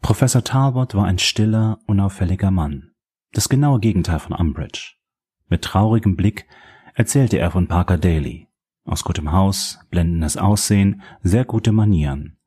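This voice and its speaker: A man narrating a crime novel as an audiobook, in a steady, measured reading voice. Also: sits low, husky.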